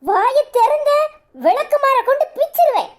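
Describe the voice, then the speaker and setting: A woman voicing a defiant, sharp-tongued young wife in a cartoon, with a Tirunelveli Tamil accent and quick mocking retorts. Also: very high-pitched, lively intonation. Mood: defensive.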